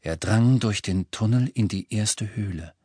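A man's voice: on the low side, dark tone, breathy edge, dry recording. German man reading a dramatic audiobook. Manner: measured, dramatic storytelling. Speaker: audiobook narrator. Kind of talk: scripted narration.

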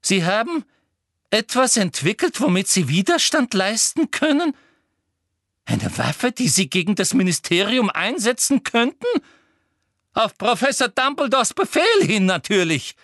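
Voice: mid-range voice, lively intonation, unhurried, few pauses, a bit bright, no echo, studio quality, voice pushed up. A reader voicing an eager, pushy middle-aged woman official in an audiobook, asking insistent questions. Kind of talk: audiobook character voice.

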